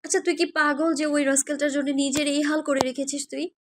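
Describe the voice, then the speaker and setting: A woman doing a high teasing college girl. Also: flat delivery, brisk, background noise, close to an everyday voice. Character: young college girls Dipa and Akhi, teasing and tense. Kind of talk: Bengali audio story acting.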